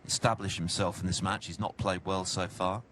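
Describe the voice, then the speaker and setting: A man delivering hushed, measured snooker commentary in an understated, scene-setting manner. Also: low voice, little pitch movement. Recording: broadcast with clear background noise.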